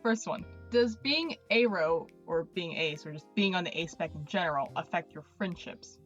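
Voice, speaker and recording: A woman hosting a podcast, welcoming guests and reading questions off a list in a relaxed way. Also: on the low side, moderate pace, highs cut off, soft background music. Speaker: podcast host. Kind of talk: casual podcast chat.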